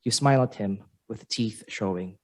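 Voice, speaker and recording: A man reciting his spoken-word poem at an open mic in a university exhibition room. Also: lowish voice. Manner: measured, lyrical recitation. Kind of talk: spoken-word poetry reading.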